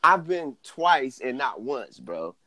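A man's voice: medium pitch, very animated, slow pace, sharp tone, dry recording. A man co-hosting a podcast, bantering casually in slangy, profane frat-bro talk. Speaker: podcast co-host.

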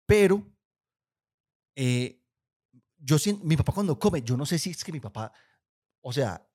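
A man tells a family anecdote on a casual podcast. His pitch leaps and dips freely as he acts out what everyone said. He keeps the storytelling loose and chatty. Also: a little slow. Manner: animated, laughing storyteller who acts out quoted lines. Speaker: podcast co-host.

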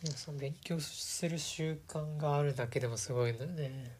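A woman's voice: low-pitched, fairly quick, background noise. A woman hosting a casual chat, asking questions and agreeing often in an encouraging way. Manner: encouraging, frequent agreeing backchannels.

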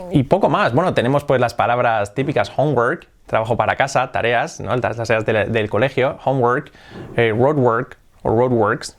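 A man teaching English in a casual online lesson, acting out short English example lines between his explanations. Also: medium pitch. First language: Spanish. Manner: lively, switches between Spanish and acted English examples.

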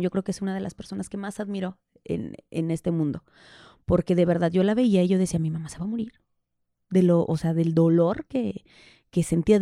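A Mexican woman in her thirties speaks with a mellow, darker tone. She shares personal stories openly in a casual podcast chat, often slipping into the voices of people she quotes. The sound is close and dry. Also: mid-range voice, dry recording. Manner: candid, storytelling, acts out quoted dialogue. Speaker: podcast co-host.

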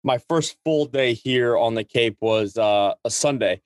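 A man's voice: mid-range voice, measured pace, no room sound. Guy on a podcast chatting casually, kinda hyped and playful, dry close audio. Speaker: podcast co-host.

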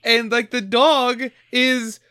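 A woman in easygoing chat, adding to the story and trailing off with ums and uhs. Her voice is bright and the sound is dry and close. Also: fairly high pitch, fairly even intonation, slow, dry recording. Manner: laid-back, chimes in, trails off with fillers. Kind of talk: casual movie recap chat.

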